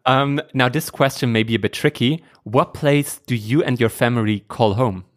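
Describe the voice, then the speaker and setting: A man's voice: medium pitch, moderate pace. A man hosting a podcast, asking questions in an upbeat, friendly way. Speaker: podcast host. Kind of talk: interview hosting.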